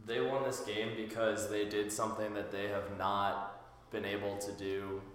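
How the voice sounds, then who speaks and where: Man, lowish pitch, hoarse, casual sports panelist, strong basement echo. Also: flat delivery, normal speed, fairly bright tone. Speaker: podcast panelist. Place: in a home basement. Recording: very echoey basement with reverb.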